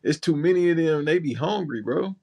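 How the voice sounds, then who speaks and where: A man's voice: on the high side, expressive, brisk, creaky, darkish tone. A man from Los Angeles co-hosting a casual chat show, talking loose and slangy with lots of restarts. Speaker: podcast co-host.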